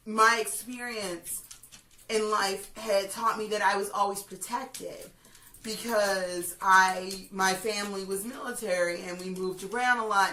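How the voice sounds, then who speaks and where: A woman hosting a music review, chatting casually and giving opinions in an emphatic, halting way that repeats phrases. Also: medium pitch, bright, forceful tone. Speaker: host of a music review video. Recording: roomy, distant mic, faint noise.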